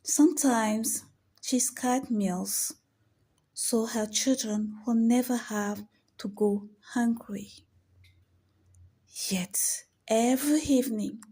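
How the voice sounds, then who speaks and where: A woman narrating a story in a soft, solemn, half-whispered voice. Her tone is husky and mellow, and she takes her time, moving through each line very slowly. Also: on the high side. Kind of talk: scripted narration of an emotional story.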